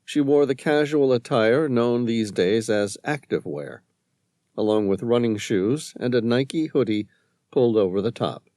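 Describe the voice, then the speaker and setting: A man narrating a thriller audiobook in a measured, expressive storytelling manner. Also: medium pitch, dry recording, studio quality. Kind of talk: scripted narration.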